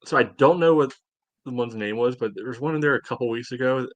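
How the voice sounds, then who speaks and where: A man in his forties co-hosts a soccer fan podcast, chatting casually in a hesitant, rambling way. His voice is medium-pitched and fast, and the recording is muffled but free of echo.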